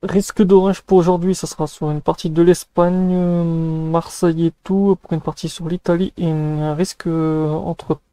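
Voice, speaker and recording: A man's voice: a little high, flat delivery, normal speed, few pauses, dark tone, smooth, no echo. A man giving casual, improvised weather commentary in an informal, slangy way as a news host.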